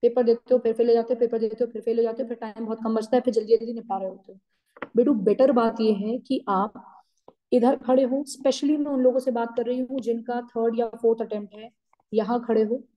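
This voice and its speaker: A woman's voice: fairly high pitch, steady tone, fairly quick, dull audio. A woman teacher gives students a firm, scolding pep talk, slipping into English phrases.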